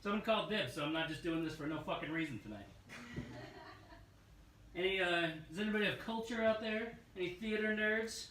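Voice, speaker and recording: A man hosting a live record-store showcase, pitching albums in a loose, joking, sometimes profane patter. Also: expressive, normal speed, sharp tone. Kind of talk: casual live product showcase. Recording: roomy, distant mic with faint noise.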